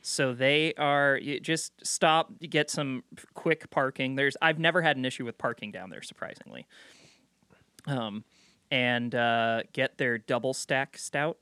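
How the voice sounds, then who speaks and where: A man's voice: mid-range voice, measured pace, clear, resonant tone, no echo, studio quality. A man co-hosting a podcast in casual, teasing chat. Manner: joking, teasing, animated. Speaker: podcast co-host.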